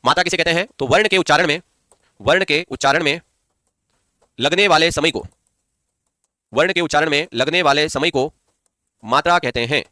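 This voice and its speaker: A man with a bright, forceful voice on the high side teaches an online Hindi grammar class, repeating key points and quizzing students. He reads comments aloud and answers them, and chants verses slowly. The recording is dry, with studio quality.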